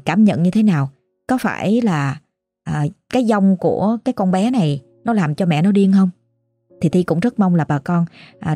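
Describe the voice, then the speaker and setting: Here a woman's low-leaning, warm voice comes through without any echo. With a Southern Vietnamese accent, she hosts a retelling of a ghost story sent in by a listener, casual and chatty, full of exclamations and fillers.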